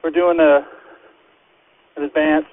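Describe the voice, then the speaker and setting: A man's voice: a little high, flat delivery, slow pace. A man working as a firefighter, making brief fireground radio calls. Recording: tinny radio channel with static.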